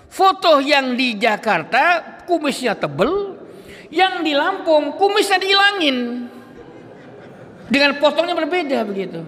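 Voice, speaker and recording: A male preacher with a bright, sharp, fairly high voice gives a relaxed religious talk. He tells stories and laughs, turning often to speak directly to his listeners. The sound carries the long echo of a mosque hall. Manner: chatty storyteller who laughs and addresses the audience directly. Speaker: Islamic preacher. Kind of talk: casual religious lecture to a congregation.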